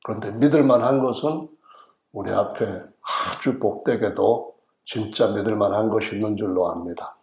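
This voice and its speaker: A man's voice: on the low side, normal speed, a little mellow. A middle-aged man from central South Korea, preaching a sermon as pastor in a folksy, humorous storytelling manner. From Chungcheong region, South Korea. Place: church sanctuary. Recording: roomy church echo.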